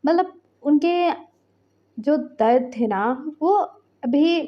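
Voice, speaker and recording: A woman's voice: sits high, lively intonation, very slow, highs cut off. A woman casually retelling a fan fiction story in a chatty, conversational way.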